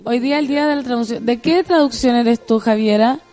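Chilean woman, morning radio host, high bright voice, playful and jokey, music faint underneath. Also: fairly quick. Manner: playful, joking, rambling. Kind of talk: morning radio chat reading listener messages. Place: radio studio.

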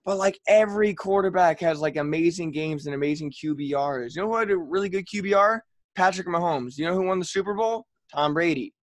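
A man's voice: high voice, a little fast, hardly any pauses, no room sound. A young man co-hosting a sports podcast, ranting in an exasperated, sarcastic way. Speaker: podcast co-host. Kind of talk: casual sports podcast chat.

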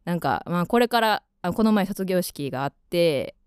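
A woman's voice: fairly low pitch, expressive, moderate pace, a little mellow, clean tone, no echo. Kansai girl in her 20s rambling on a radio show, lots of fillers, dry close mic. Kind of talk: casual radio chat.

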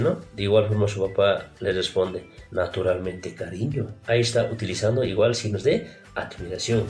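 Lively-voiced male teacher in a roomy space. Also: on the low side. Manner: formal, repeatedly addressing pupils directly; explains patiently with rhetorical questions. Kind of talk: recorded classroom lesson. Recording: roomy echo, faint music behind.

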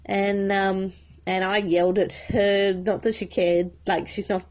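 A woman's voice: mid-range voice, little pitch movement, measured pace, darkish tone. A woman telling a personal story in a rambling, emotional way, with many restarts. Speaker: horse owner. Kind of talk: casual storytelling.

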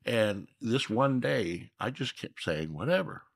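Older man, husky voice, lively storyteller, casual chat. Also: fairly low pitch. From Minnesota. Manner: laughing, animated storyteller with restarts. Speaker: guest.

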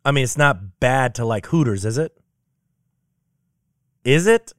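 A man's voice: medium pitch, unhurried, no room sound, studio quality. A man hosting a casual podcast with old friends, joking around and breaking into bits of song. He grew up in Germany. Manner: animated, joking, breaks into sung snippets. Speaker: podcast host.

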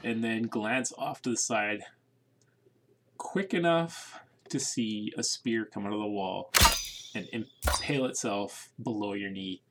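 Male game master, low gravelly voice, relaxed halting narration. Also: heavy background noise. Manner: casual, halting, with fillers and restarts.

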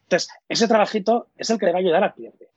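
A man's voice: high voice, fast, slightly rough, no echo. A man, a coach who explains his methods thoughtfully in an interview and often hesitates mid-sentence. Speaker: coach and trainer. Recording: dull, lo-fi, dry.

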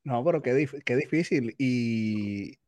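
A man's voice: mid-range voice, slow pace, darkish tone, dry recording. A man hosting a podcast, listening and rephrasing what his guests say. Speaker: podcast host. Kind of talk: casual interview.

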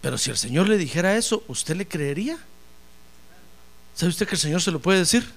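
A man pastor preaching a sermon, animated, calling the congregation brother and acting out dialogues. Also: fairly high pitch, fairly quick, creaky. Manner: animated, addresses congregation as hermano, acts out dialogue. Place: church in Phoenix.

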